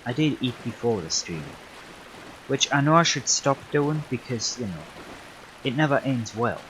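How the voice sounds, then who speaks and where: A young man talks his way through a livestreamed game in a loose, unhurried way. He rambles and backtracks with plenty of fillers. His voice sits at an ordinary middle pitch. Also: a little hiss or hum, low-quality recording. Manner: relaxed, rambling, self-correcting with many fillers. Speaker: livestreaming gamer. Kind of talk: casual gameplay commentary.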